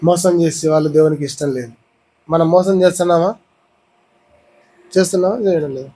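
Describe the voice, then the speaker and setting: A man's voice: a little high, brisk, dark tone, breathy edge, low-quality recording. A man from India with a Rayalaseema Telugu accent, preaching a sermon and pressing the congregation with repeated questions. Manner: repeated questions to the congregation, teaching with everyday examples. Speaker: pastor.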